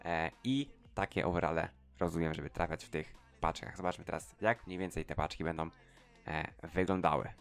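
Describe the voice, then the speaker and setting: A man calmly explaining what he expects from game packs before opening them. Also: sits low, a little fast, gravelly, soft background music. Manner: calm, explanatory. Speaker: gaming YouTuber. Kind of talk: pack-opening commentary.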